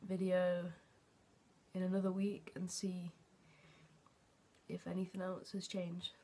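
A young man recording a casual video diary at home, halting and hesitant, often trailing off into a near-whisper at the ends of his phrases. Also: high-pitched, completely flat delivery, dark tone. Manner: hesitant, halting, with many fillers and restarts. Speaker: vlogger. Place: at home, indoors.

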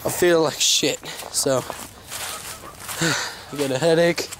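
A man's voice: fairly high pitch, steady tone, slow. Crude young man filming outdoors. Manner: crude, joking, swears a lot. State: out of breath. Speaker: vlogger. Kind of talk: casual chat while hiking. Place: outdoors by a lake. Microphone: handheld camera. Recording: outdoor camera audio with noise.

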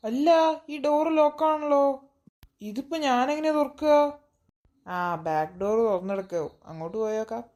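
Cartoon woman home from work, voiced by a woman, high-pitched, weary, jumpy, muttering. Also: moderate pace, a little mellow, natural voice. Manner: muttering to herself, easily scared.

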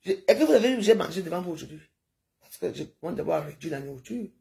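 A woman's voice: lowish voice, lively intonation, quick pace, vocal fry, dark tone. An older woman chatting to her viewers in a rambling, digressive livestream monologue, sprinkling in sound-effect noises.

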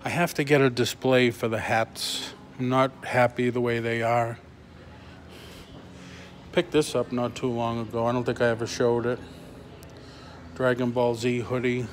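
Inside a big indoor antique mall booth with concrete floors, a middle-aged man who resells toys runs a live vlog on a handheld phone held at arm's length or nearer. He speaks in a mid-range, level tone, pausing haltingly while reading and replying to comments. Ambient noise comes through clearly.

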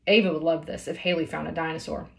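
In a small room at home, a storybook reader in her thirties narrates a children's novel. Her voice is deep and creaky, quick in pace, with fairly even intonation.

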